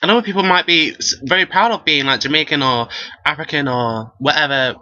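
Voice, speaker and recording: A young man, ranting to camera at home in an animated, sassy way. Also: a little high, brisk, dull audio. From England. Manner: animated and sassy, often says "girl". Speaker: vlogger.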